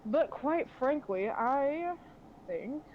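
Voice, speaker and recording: A woman's voice: high voice, lively intonation, very slow, voice pushed up, full character voice. A woman voicing a suave, scheming man who bargains with mock politeness in a tabletop game, on a slightly dull recording with faint noise. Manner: smooth, theatrical, mock-polite. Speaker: game master.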